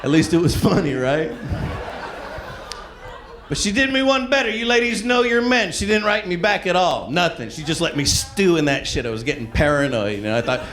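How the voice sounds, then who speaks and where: A middle-aged man does stand-up in front of a live audience, telling profane, conversational stories and acting out bits of dialogue and reactions. His voice is a little high and fairly bright, animated but at a moderate pace. The recording is a noisy one from a live comedy club.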